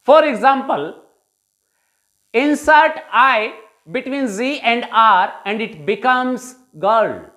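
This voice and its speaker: Slow, deliberate Indian English teacher woman. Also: fairly high pitch, expressive, a bit bright. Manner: deliberate, repeats questions to viewers. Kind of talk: bilingual phonetics lecture.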